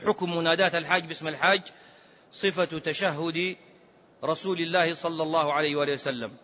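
A man, a sheikh giving a lively religious lesson, switching between everyday speech and chanted quotations. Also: fairly high pitch, fast. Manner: lively, mixes colloquial Arabic with quoted scripture, chants some phrases. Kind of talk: sermon-style religious lesson. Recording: lo-fi recording in a reverberant hall.

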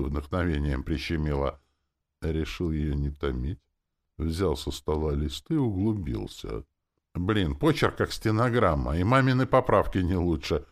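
Man, very low voice, gravelly, lively intonation, wry audiobook narration. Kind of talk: first-person audiobook narration.

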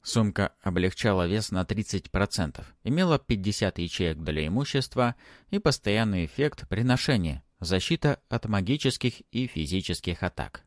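A man with a lowish voice narrates a fantasy audiobook, his intonation rising and falling with lively expression. The sound is dry and close to the mic, with no room around it. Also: normal speed, no echo. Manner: expressive, acts out every voice.

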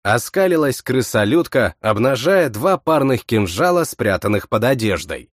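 A man narrates a fantasy audiobook in the first person. His pitch swings widely as he tells it, and the recording is close and dry. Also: normal speed, no echo. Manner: expressive, voices every character himself.

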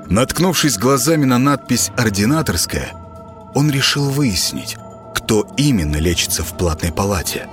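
A man narrating a story in an expressive reading style. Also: low-pitched. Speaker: audiobook reader. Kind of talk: scripted narration.

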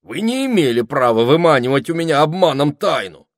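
Male narrator voicing a sneaky toad spy, shrill and wheedling, loud. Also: sing-song, brisk, dry recording, studio quality. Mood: aggrieved. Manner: whiny, wheedling, cocky.

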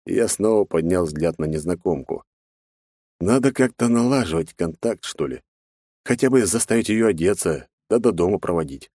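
A man reads a first-person audiobook in a very low voice, with a wry inner-monologue tone. The recording is dry and close, with no room sound. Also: a little mellow, dry recording. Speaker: audiobook narrator.

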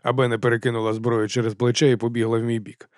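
A man narrates an audiobook in the first person, in a deadpan and sardonic tone. He reads at a brisk, quick pace. The recording is close and dry, with no room sound. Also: medium pitch, no room sound. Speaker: audiobook reader.

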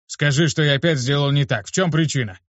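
A man voicing a gruff, irritable adult teacher who barks bluntly and coarsely, in a dull, dry recording. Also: a little high, fast talker, dry recording, voice pushed up, lightly acted. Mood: irritated.

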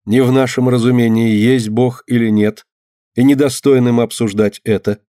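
A man voicing a grieving devout woman who speaks quietly and firmly. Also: medium pitch, fairly even intonation, normal speed, dry recording, clean studio sound, lightly acted. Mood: stern.

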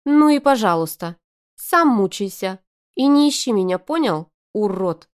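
A woman voicing a shrill, scheming young woman who shrieks indignantly at her ex. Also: expressive, normal speed, close to an everyday voice.

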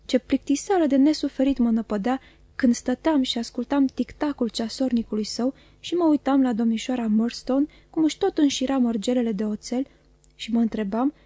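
A woman reading a classic novel aloud as audiobook narrator, calm and measured. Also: high-pitched, dry recording. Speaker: audiobook reader. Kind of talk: scripted narration.

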